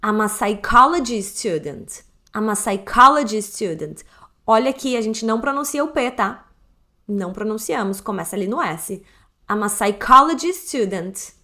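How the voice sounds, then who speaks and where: A Brazilian woman with a Brazilian Portuguese accent, an English teacher who explains step by step and slows down to model English phrases for repeating. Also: mid-range voice, expressive, sharp tone. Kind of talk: online language lesson.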